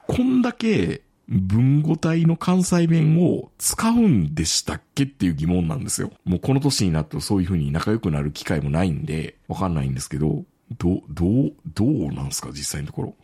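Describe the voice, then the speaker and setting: A man's voice: a little fast, few pauses, husky. A man, telling a story in casual chat as podcast co-host, laughing often. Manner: animated storytelling, swoops up in pitch, laughs often.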